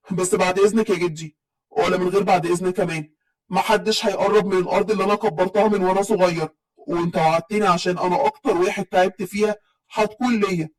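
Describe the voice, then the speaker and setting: Lady doing a rude young upper egyptian guy in a storybook tale, dismissive and fast. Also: sits high, darkish tone, recorded from a distance, voice pushed down, close to an everyday voice, poor audio. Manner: dismissive, curt, scornful. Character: brusque arrogant young male Upper Egyptian heir.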